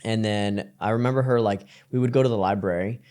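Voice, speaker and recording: A young man from Colombia, a podcast guest telling his story in casual chat, relaxed and full of fillers and restarts. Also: lowish voice, brisk. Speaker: podcast guest, creative entrepreneur.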